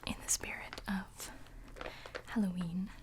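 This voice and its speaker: Female ASMR host; breathy whisper, unhurried delivery, halting short phrases, intimate chat to viewers. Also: fairly low pitch, level tone, rough recording. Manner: slow, hesitant, pausing between short phrases.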